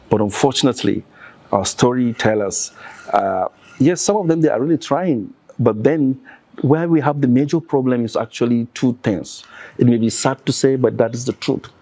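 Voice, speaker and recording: With no room sound behind him, a northern Nigerian man talks at normal speed in a warm, mid-range voice. He's being interviewed on a podcast and insistently piles up examples, one after the next, in an earnest manner.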